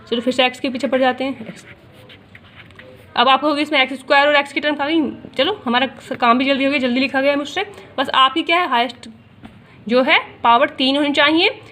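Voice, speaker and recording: Woman, high voice, patient classroom maths teacher who mixes English terms in. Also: fairly quick, long pauses, fairly bright tone, a little hiss or hum. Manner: explains step by step, asking and answering her own questions; addresses students directly, repeats key points.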